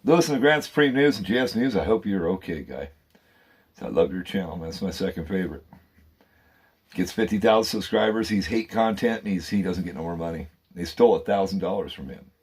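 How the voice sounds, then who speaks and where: Low husky-voiced man ranting fervently. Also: lively intonation, brisk, a little mellow. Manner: fervent, repetitive, addresses viewers as guys and man. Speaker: channel host. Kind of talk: rambling conspiracy monologue.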